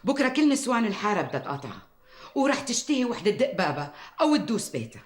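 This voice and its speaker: A woman's voice: on the high side, sing-song, very fast, roomy sound. An actress playing a shrewd, resentful mother with a Damascene accent, knowing in her talk. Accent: Damascene Arabic. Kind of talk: TV drama acting.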